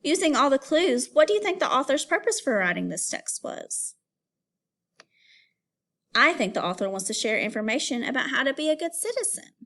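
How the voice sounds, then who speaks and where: At an ordinary speed, a woman with a rather high, very expressive voice reads aloud to children. Taking the part of an elementary teacher, she explains things plainly and leads the kids step by step.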